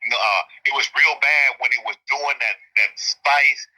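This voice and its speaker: A man's voice: medium pitch, a little slow, bright, forceful tone. A man with an Alabama Southern accent giving candid, emphatic interview answers over a phone line, often repeating himself for stress. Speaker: prison inmate being interviewed.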